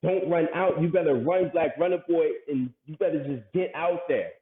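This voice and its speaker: A man's voice: fairly high pitch, normal speed. Man performing intense spoken-word poetry. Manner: rhythmic, building intensity. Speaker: poet. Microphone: online open mic call. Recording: tinny phone-like sound, roomy echo.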